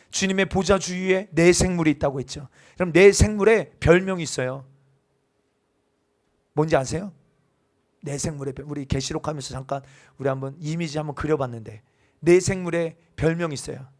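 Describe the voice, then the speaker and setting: A male pastor preaching a sermon, often asking the congregation for responses and building to loud, emphatic proclamation. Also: fairly high pitch.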